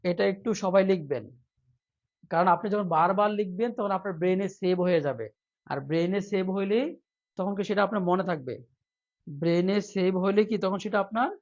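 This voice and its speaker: A man teaches a live online class for job exams, drilling his viewers with the same question again and again. His voice sits high for a man. The stream audio is dull and lo-fi. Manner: repeats questions over and over, quizzing viewers; reads viewer comments aloud, softer. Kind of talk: live online exam-prep lesson.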